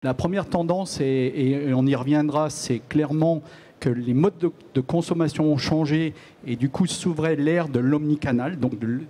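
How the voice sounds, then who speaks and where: Man, panel guest, mellow tone, slightly high pitch, halting restarts. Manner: hesitant, with frequent restarts and repeated words. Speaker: association president, panel guest. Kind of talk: panel discussion answer.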